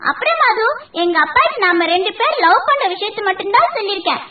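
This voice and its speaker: A woman's voice: extremely high pitch, sing-song, a little fast, distant mic. An actress playing an earnest, naive young woman in love. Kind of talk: comedy film dialogue. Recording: tinny lo-fi echoey film audio.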